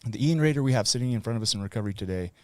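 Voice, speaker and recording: A man hosting an interview podcast, steering the guest with quick, supportive prompts. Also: on the low side, expressive, dry recording. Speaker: podcast host.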